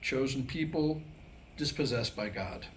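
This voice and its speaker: Reading his own fresh comic script aloud, an American man performs a staged monologue to a small live audience. He sounds animated at medium pitch, self-deprecating and wry, and times deliberate pauses around each punchline; the room recording is noisy.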